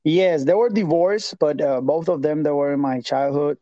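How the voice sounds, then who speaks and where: A man in his thirties from Puerto Rico, an evangelist minister speaking English with a Puerto Rican Spanish accent, talking haltingly and repeating words as he searches for them in a casual interview. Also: fairly high pitch, mellow, no echo. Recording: dull lo-fi sound.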